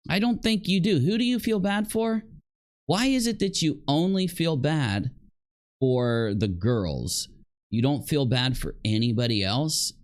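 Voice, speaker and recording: Reacting to someone else's video without a script, a streamer argues and accuses as he watches. He sounds fairly high-pitched and animated but speaks a little slowly.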